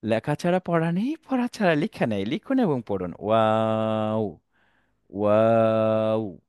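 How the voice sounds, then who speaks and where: A male Quran teacher giving an online alphabet lesson, drawing out each letter slowly and asking viewers to repeat after him. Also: fairly high pitch, huge pitch swings, darkish tone, dry recording, studio quality. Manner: slow, drawn-out letter recitation for viewers to repeat; patient, repetitive teaching.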